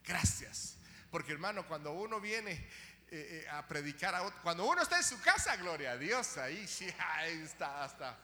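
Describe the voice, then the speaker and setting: A middle-aged man preaching a sermon as guest pastor, moving from quiet talk to shouting and stammering at times. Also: on the high side, sing-song, normal speed. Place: church hall. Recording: reverberant church hall with hum.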